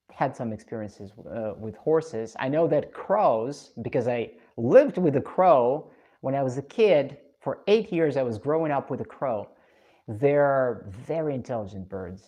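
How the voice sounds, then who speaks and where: A woman's voice: a bass voice, a little mellow. A woman from Russia, chatting casually on a live stream and reading out comments. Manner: chatty, reflective, laughs often.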